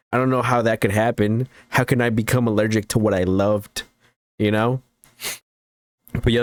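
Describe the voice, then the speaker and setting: A man's voice: medium pitch, no room sound. A young man streaming a casual reaction, rambling and stuttering as he jokes.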